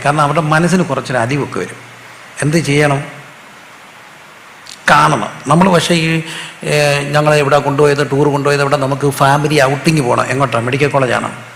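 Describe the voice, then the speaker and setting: Man, pastor, sermon, call-and-response, gravelly, echoey church hall. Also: fairly high pitch, a bit bright, a little hiss or hum. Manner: call-and-response preaching, asks the audience to repeat answers; storytelling with humor. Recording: echoey hall with faint ambience.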